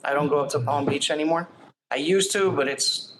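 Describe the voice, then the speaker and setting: A man's voice: fairly high pitch, brisk, noisy background. A man who runs a septic service, talking informally in a podcast interview in a plain, rambling way. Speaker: septic service owner-operator.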